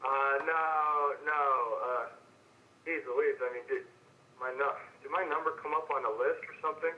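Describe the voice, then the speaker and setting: A man's voice: a little high, steady tone, moderate pace. Guy on speakerphone, kinda muffled phone sound, stammers and hedges a lot. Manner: hesitant, stammering, guarded. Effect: heard over a speakerphone. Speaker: homeowner taking a sales call. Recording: dull phone line on speakerphone.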